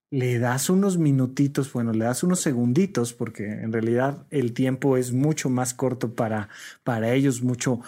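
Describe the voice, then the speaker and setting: A man with a Mexican accent, a doctor giving advice in an expressive, conversational way. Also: mid-range voice. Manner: conversational and expressive, acts out talking to children. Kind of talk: casual advice talk.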